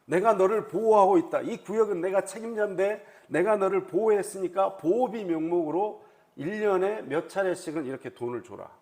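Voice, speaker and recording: A man voicing a menacing street thug who demands protection money and shouts threats. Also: sits high, fairly quick.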